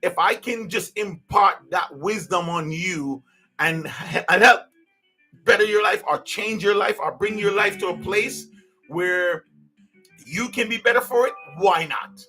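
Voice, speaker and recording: Earnest man in his fifties, high and bright, unscripted podcast host who restarts his sentences a lot. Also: measured pace, faint music behind. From Jamaica. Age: 50s. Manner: earnest, rambling with many restarts. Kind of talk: unscripted personal monologue.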